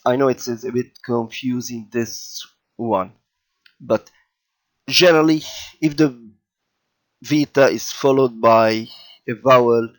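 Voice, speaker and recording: A man teaching children to read letters, patient and unhurried, often pausing with "okay" and repeating sounds slowly. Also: mid-range voice. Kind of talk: slow explanatory lesson for children.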